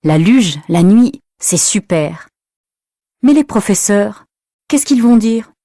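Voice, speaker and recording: Slow, expressive woman storyteller. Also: mid-range voice, dry recording, studio quality. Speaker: narrator. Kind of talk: slow, clear storybook reading for language learners.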